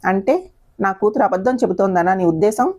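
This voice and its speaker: A woman voicing a proud, stern older father who speaks in a gruff, questioning tone in an audio story. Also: mid-range voice, lively intonation, fairly quick, darkish tone, natural voice.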